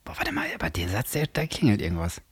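A young man co-hosting a casual podcast, playful and quick to joke. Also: low voice, very animated, slightly rough, no echo, studio quality. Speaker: podcast co-host. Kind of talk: casual chat.

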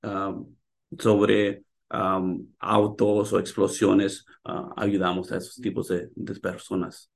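A middle-aged man with a lowish, gravelly voice speaks slowly and flatly. Born in California and raised in Houston, he is a chiropractor appearing as a guest on a Spanish-language radio interview, talking hesitantly with lots of fillers.

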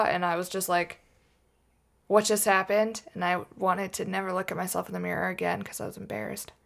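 A woman's voice: medium pitch, vocal fry, a bit bright. A woman co-hosting a casual true-crime podcast, rambling and joking and laughing often as she tells the case. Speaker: podcast co-host.

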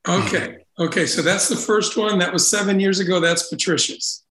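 A man's voice: high voice, normal speed, fairly bright tone. A man co-hosting a podcast interview, upbeat and conversational. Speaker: podcast co-host. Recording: roomy echo.

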